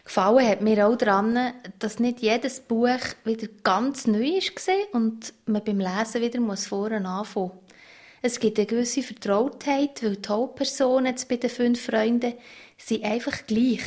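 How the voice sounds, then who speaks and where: Woman, interviewee, thoughtful, slightly high voice. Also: normal speed, darkish tone. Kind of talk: reflective personal account.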